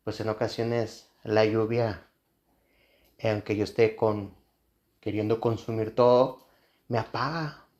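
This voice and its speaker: A man's voice: on the low side, fairly even intonation, takes it slowly, pauses often, darkish tone, dull audio. A man voicing a humble talking fire in a spoken parable, hesitant and plain. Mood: modest.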